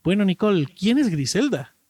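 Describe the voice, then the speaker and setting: Chatty podcast host man, somewhat high. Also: big pitch swings, normal speed, mellow, breathy edge, no room sound, clean studio sound. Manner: friendly, laughing, filler-heavy. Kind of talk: casual podcast hosting.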